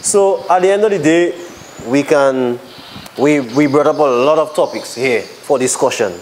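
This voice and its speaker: A man's voice: mid-range voice, moderate pace, a little mellow, slight background noise, rough recording. A man with a Dominican accent leading a panel discussion, earnest and stumbling over words as he makes his points. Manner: earnest, restarts often. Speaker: panel moderator.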